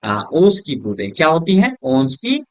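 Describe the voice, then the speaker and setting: A man with Hindi-accented English, teaching a lesson at a board, asking questions and answering them himself, softer and lower on each answer word. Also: huge pitch swings, measured pace, no echo. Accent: Hindi-accented English words. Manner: drops low and soft on the answer words; keeps checking with "is that clear?".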